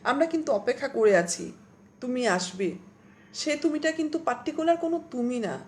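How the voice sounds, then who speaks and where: A woman poet with a Bengali accent, reciting verse slowly and talking casually between poems on a live stream. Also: high voice, expressive. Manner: slow, measured recitation broken by chatty asides to viewers. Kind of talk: poetry recitation and casual talk. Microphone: phone or laptop mic on a live stream.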